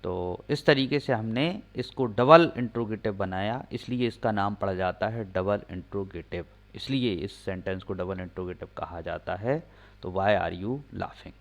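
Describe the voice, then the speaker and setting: A man teaching English grammar, slowly spelling out example sentences word by word and asking questions he answers himself. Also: on the low side. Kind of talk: classroom-style explaining lesson. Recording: slightly dull lo-fi recording.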